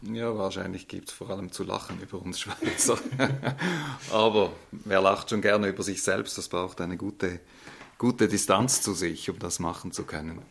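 A Swiss man with a very deep voice and a Swiss German accent speaks calmly as an interview guest. He pauses now and then with small hesitations. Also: vocal fry, slight background noise. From Switzerland. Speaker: interview guest, seminar leader. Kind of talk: conversational interview.

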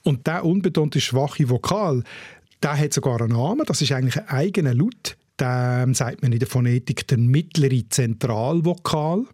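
A man's voice: mid-range voice, lively intonation, moderate pace, darkish tone, no room sound, clean studio sound. A man with a Swiss German accent, co-hosting a radio show and patiently explaining dialect spelling step by step. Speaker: dialect expert co-host.

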